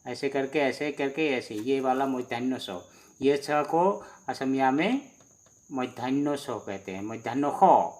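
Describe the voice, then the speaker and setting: A man teaching the alphabet slowly, pausing often with fillers as he writes. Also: medium pitch, darkish tone. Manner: slow, halting, many pauses and fillers. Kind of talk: handwritten alphabet lesson.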